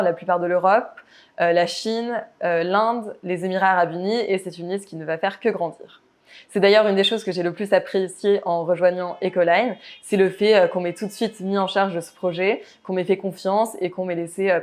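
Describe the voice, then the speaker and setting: A woman's voice: mid-range voice, a little mellow. A woman in her twenties who grew up in the United States, an in-house lawyer describing her work in an earnest, explanatory way in a company profile interview.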